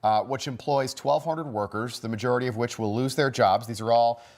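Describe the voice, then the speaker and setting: A man's voice: mid-range voice, brisk, a little mellow. A man hosting a morning cable news panel, talking in a loose, conversational way with fillers and restarts.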